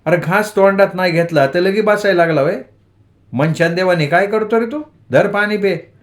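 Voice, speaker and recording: A man puts on a fond village mother in a storybook reading, her voice lifted well above his own and sounding lively. She coaxes and chides in homely country speech, scolding only out of love. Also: high-pitched, normal speed, pitched above the performer's own voice, close to an everyday voice. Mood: coaxing, tender. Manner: coaxing, chiding village dialect. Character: affectionate rural village mother, scolding tenderly. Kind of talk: dramatized audiobook storytelling.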